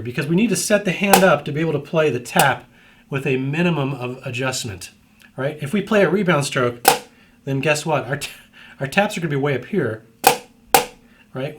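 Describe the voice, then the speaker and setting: A man's voice: medium pitch, noisy background. Man explaining drum technique, checking in often. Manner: explanatory, repeatedly checks in with "right?". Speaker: drum instructor. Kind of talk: instructional drum lesson.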